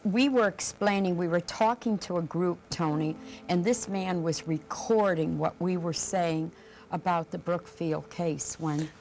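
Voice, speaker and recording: A woman's voice: on the low side, unhurried, a little mellow, soft background music. A woman being interviewed as a paranormal investigator, earnestly telling events and repeating words as she goes. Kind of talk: interview storytelling.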